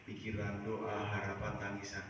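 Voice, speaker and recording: A man from Jakarta giving a dawn sermon in a small prayer house, asking the congregation questions and answering them himself, rising loud on key words and dropping low at line ends. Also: completely flat delivery, moderate pace. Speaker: preacher. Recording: echoey, distant, dull sound with faint noise.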